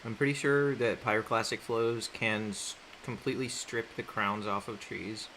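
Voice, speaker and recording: A man's voice: fairly low pitch, fairly even intonation, normal speed, sharp tone, a little hiss or hum, poor audio. A man casually chatting on a livestream while drawing, reading chat aloud, rambling and laughing often. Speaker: artist streaming while drawing.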